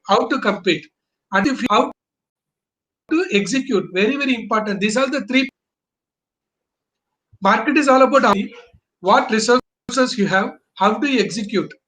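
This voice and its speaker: A man's voice: high voice, pushed and bright, poor audio. A man from Bangalore, explaining business as an interview guest in emphatic, choppy phrases with rhetorical questions. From Bangalore, India.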